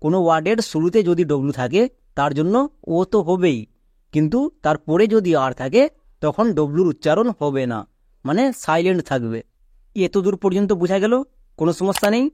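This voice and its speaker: A man's voice: a little high, lively intonation, fairly quick, a little mellow, no echo, studio quality. A man teaching English pronunciation, patiently repeating rules, spelling words out letter by letter, and checking that students follow. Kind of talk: explanatory lesson.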